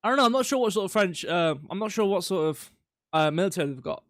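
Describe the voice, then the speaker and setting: A man's voice: high-pitched, expressive, fast, a bit bright, no echo, clean studio sound. A man hosting a quiz on a live stream, chatty and rambling, with mock-indignant rants. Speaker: quiz host.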